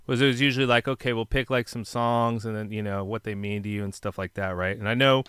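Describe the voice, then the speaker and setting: A man's voice: fairly low pitch, fairly even intonation, fast, fairly bright tone, clean tone, dry recording, studio quality. A man interviewing a guest, asking rambling questions full of fillers. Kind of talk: casual interview chat.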